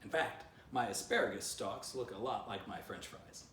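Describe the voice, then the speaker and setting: By an indoor fireplace, a man in his fifties reads his own kids' book, breaking off for playful, chatty remarks to the young audience. The voice is lowish, animated and a bit bright, at a moderate pace. Recorded on a camera a few feet away, it comes across roomy and slightly distant, with a touch of hiss or hum.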